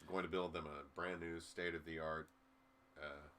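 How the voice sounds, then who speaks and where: A man's voice: rumbling low, flat delivery, normal speed, a bit bright, slight background noise. A man co-hosting a casual sports chat, laid-back and rambling, swearing now and then. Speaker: podcast co-host.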